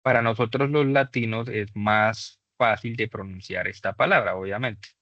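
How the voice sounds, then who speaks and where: Lower-voiced man teaching English, patient. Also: moderate pace, bright, forceful tone, no room sound. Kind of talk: online class lesson. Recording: dull dry lo-fi mic.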